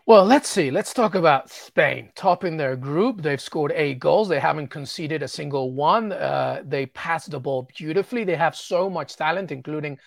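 Enthusiastic soccer analyst, dry sound. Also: male voice, a little high, normal speed, gravelly, few pauses, no room sound. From England. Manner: fluent and enthusiastic, with frequent stammered repeats. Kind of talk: interview analysis.

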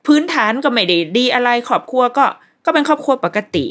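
A fast-talking woman with a high voice hosts a podcast, casually reviewing a TV series. She retells its scenes in an animated, stop-and-restart manner.

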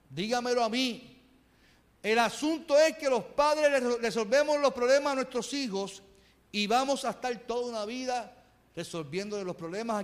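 A pastor preaching to his congregation, earnest and conversational, asking rhetorical questions. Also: very high-pitched. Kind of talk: sermon. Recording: reverberant hall.

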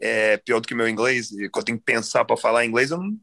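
A young man from Brazil, a guest on a podcast, chatting in a relaxed, rambling way. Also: mid-range voice, quick pace, creaky, no room sound. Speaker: podcast guest, jiu-jitsu athlete. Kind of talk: casual chat.

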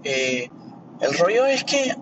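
A man's voice: a little high, sing-song, slow pace. A man talking casually in a rambling, earnest monologue, repeating words as he works through his indignation. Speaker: commentator sharing opinions. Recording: muffled distant mic with loud traffic noise.

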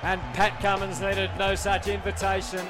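A man giving live cricket commentary, projecting excited calls of the action. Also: moderate pace, a crowd in the background. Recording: broadcast highlights with music underneath. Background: music.

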